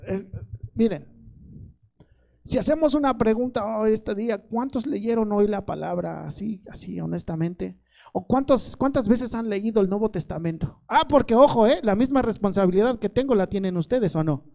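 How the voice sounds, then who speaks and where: A man's voice: high-pitched, moderate pace, vocal fry, warm tone. A middle-aged male pastor preaching a sermon, asking the congregation questions and pleading with growing fervor.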